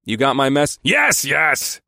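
A man voicing a gruff, grating-voiced trucking boss who barks and snaps orders. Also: mid-range voice, steady tone, a little fast, a bit bright, no room sound, studio quality, voice pushed up, natural voice. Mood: barking. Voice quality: grating, gravelly. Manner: barking, snappish.

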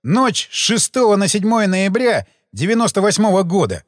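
A man's voice: high-pitched, big pitch swings, normal speed, no room sound, clean studio sound, pitched above the performer's own voice. A man reading an audiobook, voicing a sardonic male police major who speaks in a mocking, menacing way.

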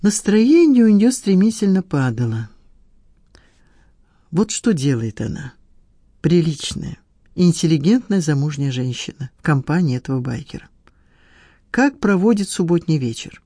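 Brief: audiobook narrator with an even storytelling read, warm mellow voice, dry studio sound. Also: medium pitch, unhurried, long pauses, no room sound.

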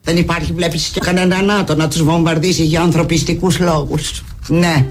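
A man's voice: fairly high pitch, steady tone. A man delivering a comic political rant in a scornful, mocking manner.

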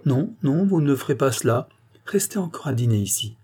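A man voicing a cold, scheming older woman who speaks in a smooth, coaxing, insistent way. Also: mid-range voice, animated, brisk, warm tone, voice pushed up.

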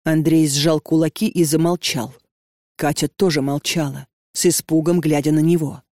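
A woman narrating an audiobook with a measured, even reading. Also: deep voice, no room sound, studio quality. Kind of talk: scripted narration.

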